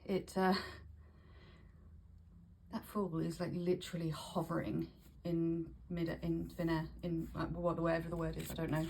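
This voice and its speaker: Breathy, slightly low-voiced woman chatting casually. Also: little pitch movement, moderate pace, darkish tone, a little hiss or hum. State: breathy and short of breath from hay fever. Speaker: vlogger showing tarot decks. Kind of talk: casual chat to camera.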